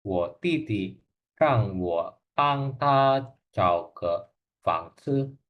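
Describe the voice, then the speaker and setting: Man, hesitant student, slow careful speech, dull lo-fi sound. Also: fairly low pitch, animated. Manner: hesitant, searches for words. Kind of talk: reading aloud and translating in a lesson.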